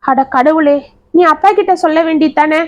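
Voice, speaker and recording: A woman's voice: high voice, moderate pace, voice pushed up, lightly acted. A woman voicing a kind, protective old grandmother who coaxes and comforts a child. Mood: coaxing. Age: older. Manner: gentle, coaxing, worried.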